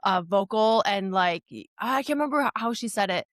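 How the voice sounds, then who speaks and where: A woman's voice: mid-range voice, expressive, fairly quick, a bit bright, no echo, clean studio sound. A woman co-hosting a podcast, chatting in an enthusiastic, gushing way. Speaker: podcast co-host. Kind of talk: casual podcast chat.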